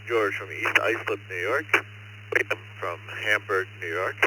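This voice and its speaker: A man's voice: fairly low pitch, unhurried. A man working as net controller, running an amateur radio check-in net in a courteous, procedural way over two-way radio. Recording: very noisy ham radio link.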